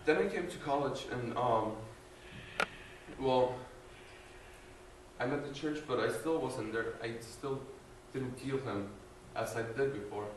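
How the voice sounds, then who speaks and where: This young man from Guatemala, speaking a little slowly in a medium pitch, offers a student's faith testimony that is earnest but hesitant, thick with fillers and restarts. It was captured from far off by a distant recorder with no mic, in a large, echoey room with an audience and a noisy background.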